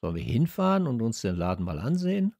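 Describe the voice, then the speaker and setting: A man voicing a clever, level-headed boy in a children's audiobook, speaking in a calm, reasoning way. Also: medium pitch, quick pace, vocal fry, dry recording.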